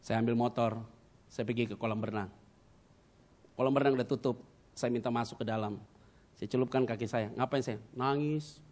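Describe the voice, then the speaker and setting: A middle-aged male pastor preaching a sermon, telling personal stories dramatically with sudden loud bursts and English words mixed in. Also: medium pitch, fairly even intonation, normal speed, long pauses.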